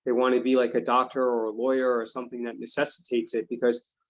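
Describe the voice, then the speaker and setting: A man's voice: medium pitch, little pitch movement, fast. A middle-aged man hosting an investing channel, talking in an earnest, reflective way with many fillers. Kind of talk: casual interview chat. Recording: dull lo-fi audio.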